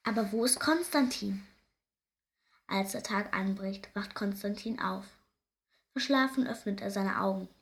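A woman's voice: mid-range voice, a little slow, long pauses. Woman reading a children's story aloud. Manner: gentle, expressive read-aloud.

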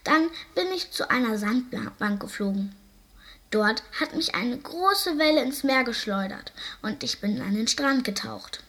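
A woman's voice: a little high, expressive, a little slow, a bit bright. A woman voicing a little young female guillemot in a storybook, telling her tale in a tired, eager way.

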